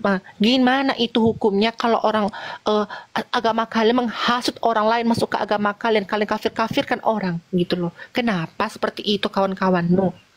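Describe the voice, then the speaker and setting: A woman's voice: mid-range voice, steady tone, fairly quick. A woman in a heated live online debate over a video call, combative and scolding, hammering short repeated jabs. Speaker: debate participant.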